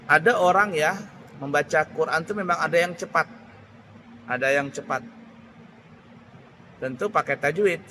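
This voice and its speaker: A man giving a religious lecture at an Islamic boarding school, unhurried and searching for words, often restarting. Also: on the high side, pushed and bright, slight background noise. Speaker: preacher.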